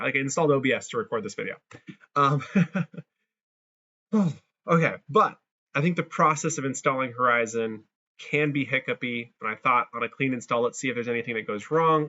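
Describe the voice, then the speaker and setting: A man's voice: medium pitch, bright, forceful tone, dull audio. Man with crunchy distorted audio. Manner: chatty, thinks aloud while clicking through steps. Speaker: tutorial creator. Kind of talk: casual screen-recorded software tutorial. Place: abroad, working on a laptop.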